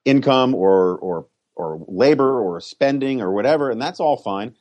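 A man's voice: mid-range voice, animated, a little mellow. Man, podcast co-host, wry argumentative tone, casual political chat. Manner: wry, argumentative, quick to tease.

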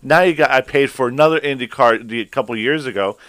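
A man's voice: medium pitch, fast, no echo, clean studio sound. A man co-hosting a racing podcast, chatting casually and ranting with swears. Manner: animated ranting, swears freely. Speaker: podcast co-host. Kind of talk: casual chat.

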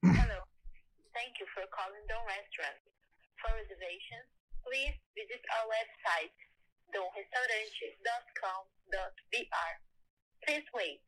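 A woman's prerecorded greeting plays through a speakerphone with a distant, phone-like sound. Her voice sits at a middle pitch. She speaks in an even, formal announcer style. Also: slow. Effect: recorded phone message played over a speakerphone. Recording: distant telephone audio on speakerphone.

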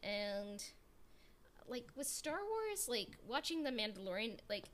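Her fairly high voice swings widely in pitch at a measured pace, with a touch of brightness. Speaking as a podcast panelist in a relaxed fan chat, she offers tentative, fragmented thoughts peppered with "like," over clearly audible background noise.

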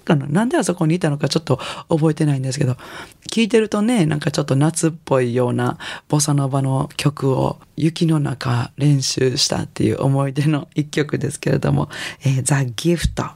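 A middle-aged woman with a Kansai accent, a singer hosting a radio music show in a relaxed, chatty, rambling way. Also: deep voice, a little fast, vocal fry, breathy edge, dry recording. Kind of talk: casual radio DJ talk.

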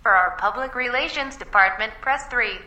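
A woman voices an automated female phone menu in a radio drama, giving flat, polite recorded prompts. Her bright, crisp tone sounds distant. A roomy echo surrounds it. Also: on the high side, moderate pace, dull audio. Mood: prompting.

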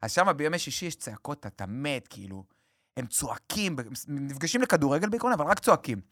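A man's voice: a little high, lively intonation, pushed and bright, a little hiss or hum. A man co-hosting a sports podcast, telling teasing stories and mimicking people. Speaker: podcast co-host. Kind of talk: casual sports banter.

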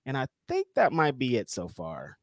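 A man's voice: medium pitch, wildly swooping pitch, normal speed, no echo, clean studio sound. A man co-hosting a live wrestling stream, giving casual commentary in informal, laid-back phrasing. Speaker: co-host and wrestling reporter.

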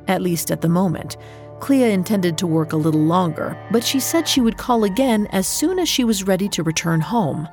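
A woman's voice: medium pitch, darkish tone. Suspenseful female true-crime narrator over music. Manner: measured suspenseful crime show storytelling. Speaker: podcast host and narrator. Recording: music under the voice. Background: background music.

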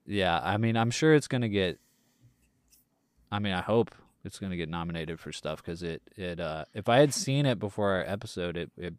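A man co-hosting a casual film podcast, rambling with many fillers and letting his sentences trail off quietly. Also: low voice, expressive, normal speed, clean tone, dry recording. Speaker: podcast co-host. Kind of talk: casual film review chat.

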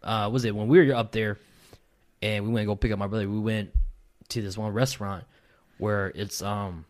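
A man's voice: lowish voice, fairly even intonation, normal speed, a little mellow. A man, chatting casually and rambling with lots of fillers and restarts. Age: late 20s. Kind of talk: casual chat.

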